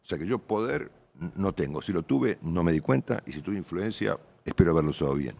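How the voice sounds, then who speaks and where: A man's voice: deep voice, lively intonation, brisk, vocal fry, a little mellow. A middle-aged Argentine man, a veteran radio journalist, talking casually and at length in an interview, full of tag questions. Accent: Argentine Spanish. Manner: colloquial, rambling, frequent tag questions.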